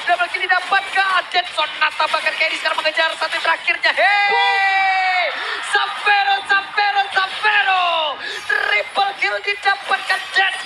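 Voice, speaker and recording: Male esports caster, Indonesian accent, very high voice, excited shouted play-by-play, loud noise behind. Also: unhurried, few pauses, a crowd in the background. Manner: shouts and stretches words at big plays.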